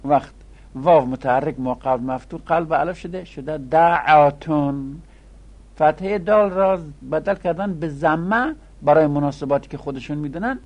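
Gravelly, husky man teaching grammar. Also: mid-range voice, a little mellow. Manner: explains step by step, repeats word forms slowly. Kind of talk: seminary grammar lesson.

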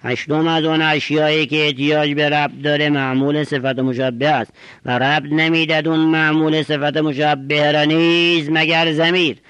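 A man teaching a traditional grammar lesson, reading short Arabic phrases and explaining each one in a measured, explanatory cadence. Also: fairly high pitch, fairly bright tone, clean tone, no room sound.

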